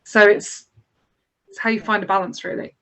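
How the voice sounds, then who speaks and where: A woman's voice: mid-range voice, little pitch movement, moderate pace, a bit bright, low-quality recording. Woman, panelist, earnest, conversational panel talk. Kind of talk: panel discussion.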